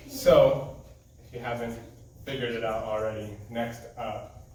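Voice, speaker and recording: A man's voice: medium pitch, fairly even intonation, a little slow, a little mellow. A man leading a church youth group, casually and playfully introducing the next speaker. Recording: echoey room, mic far off, some noise.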